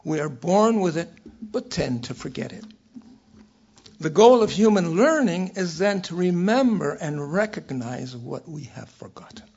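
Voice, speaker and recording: An older man giving a scholarly lecture from a prepared text, in a measured, erudite professorial manner with a raspy voice. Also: on the high side, lively intonation, a little mellow, dull audio. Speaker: academic lecturer.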